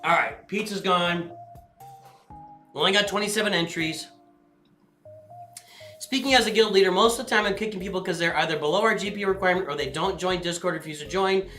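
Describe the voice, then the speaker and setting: Bright-voiced man streaming in an echoey room. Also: sits high, a little fast, long pauses. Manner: rambling, apologetic, answers chat questions aloud. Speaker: livestream host and guild leader. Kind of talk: casual live-stream chat with viewers. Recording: echoey room with faint music.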